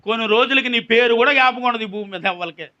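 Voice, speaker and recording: High, bright-voiced male pastor preaching. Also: fast talker, lo-fi sound. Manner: call-and-response preaching, prompting the congregation to answer. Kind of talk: sermon.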